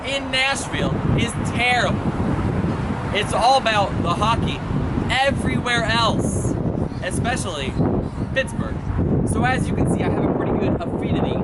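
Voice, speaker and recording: A bragging small-town founder of a chicken restaurant rambles through a comic sales pitch in a high, boyish voice, played by a young man. He talks outdoors by a street. Loud wind and passing cars roar behind him. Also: lightly acted. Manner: boastful, rambling salesman patter. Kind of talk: comedic skit acting.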